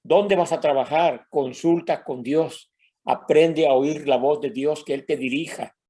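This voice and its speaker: A man's voice: on the high side, a little slow, dark tone, slightly rough. An older man from Mexico with a Mexican Spanish accent, a pastor telling a personal story in a sermon and addressing the congregation as brothers.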